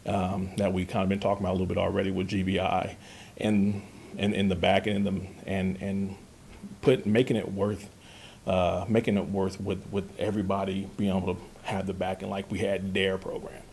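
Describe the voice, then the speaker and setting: A man's voice: sits low, little pitch movement, brisk, creaky, a little mellow, slight background noise. A man from Kansas giving public comment at a county budget hearing, earnest and pleading, stumbling through restarts and repeated words. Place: county meeting room.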